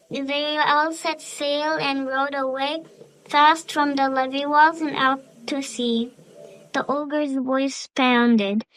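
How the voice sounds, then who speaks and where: A woman reading a children's fable aloud as storyteller, slow and expressive. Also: high voice, no room sound.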